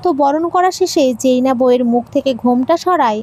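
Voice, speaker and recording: High-voiced woman narrating a story. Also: moderate pace, a little mellow.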